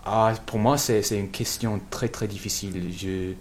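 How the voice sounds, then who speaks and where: Un homme venu d'Angleterre, de langue maternelle anglaise, qui répond en interview d'un ton hésitant en cherchant ses mots. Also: male voice, on the low side, fairly even intonation, a little hiss or hum. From England. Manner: halting, searching for words. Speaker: guest. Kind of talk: interview answers.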